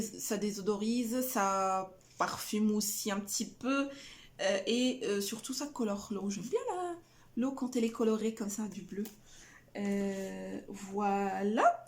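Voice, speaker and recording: A woman's voice: mid-range voice, slight background noise. A middle-aged woman casually chatting about her shopping haul, hesitant with many fillers and restarts. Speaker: family vlogger showing a shopping haul. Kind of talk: casual haul chat to camera.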